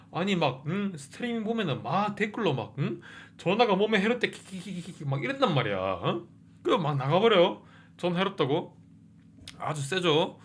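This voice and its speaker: A man hosting a review channel, chatting casually about a TV drama and excitedly tossing in little "huh?" asides. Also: high voice. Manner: excitable, keeps asking 응? and 어? mid-sentence.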